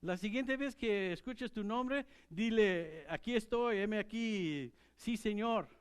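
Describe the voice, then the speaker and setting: A man's voice: high voice, slow, smooth, pitched above the performer's own voice. A man voicing an old male temple priest in a retold story, patient and fatherly in manner. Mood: instructing.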